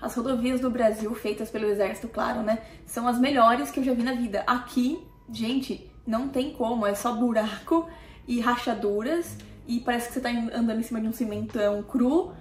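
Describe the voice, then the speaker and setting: Chatty Brazilian woman in a roomy space. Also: a little high. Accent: Brazilian Portuguese. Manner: chatty, keeps addressing viewers with tag questions. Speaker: family vlogger. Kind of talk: casual talk to camera. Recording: roomy echo with faint music.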